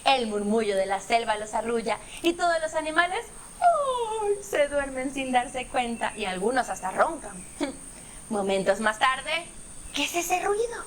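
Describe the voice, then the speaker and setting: Woman storyteller, high voice, slow and animated, bedtime story with sound effects. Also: a little hiss or hum. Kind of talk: expressive children's story reading.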